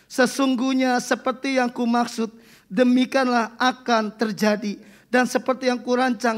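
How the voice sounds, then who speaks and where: A woman preaching a sermon, rising into loud, emphatic declarations. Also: on the high side.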